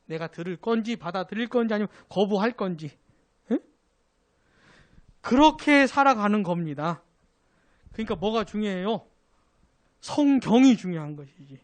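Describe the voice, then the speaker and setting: A man's voice: high voice, expressive, normal speed, pauses often. A man, a pastor teaching a Sunday doctrine class, who keeps asking his listeners questions and then answers them himself.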